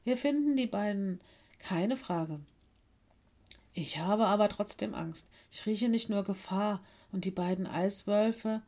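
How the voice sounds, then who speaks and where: A woman's voice: medium pitch, slow pace, darkish tone. A woman reading an audiobook, voicing an earnest, loyal young male animal pupil at a forest school. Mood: worried. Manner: earnest, determined. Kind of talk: audiobook character voice.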